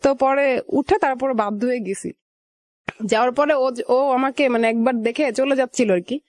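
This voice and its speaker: This radio studio guest, a young woman with a Bangladeshi accent, shares her personal story in a casual interview style, reenacting remembered conversations. She has a high-pitched, slightly mellow voice at a normal speed, with no echo.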